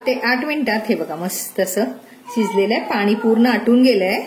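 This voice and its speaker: A woman hosting a cooking channel, calmly walking through a recipe step by step in a home kitchen. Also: fairly high pitch, normal speed. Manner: calm, step-by-step instructive. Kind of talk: recipe narration. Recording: echoey kitchen, faint noise.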